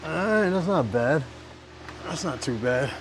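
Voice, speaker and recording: A man's voice: fairly high pitch, lively intonation, measured pace. Offhand man muttering over noisy background hum. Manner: offhand, muttering to himself, swearing. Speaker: DIY vlogger. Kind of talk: casual hands-on work vlog. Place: inside a food truck. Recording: clear vehicle and fan noise.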